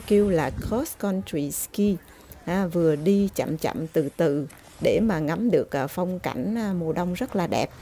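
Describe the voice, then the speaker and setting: Chatty woman with a dark, gravelly voice. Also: on the low side, slight background noise. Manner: chatty, filler-heavy, exclaims at scenery. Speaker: vlogger. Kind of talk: casual travel vlog narration. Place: outdoors in a snowy park, then at home.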